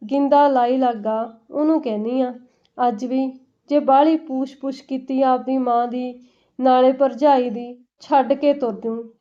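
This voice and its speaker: A woman's voice: high voice, fairly even intonation, unhurried, warm tone. A woman voicing a sullen, grumbling young sister-in-law who talks curtly. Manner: curt, grumbling. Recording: dull lo-fi recording.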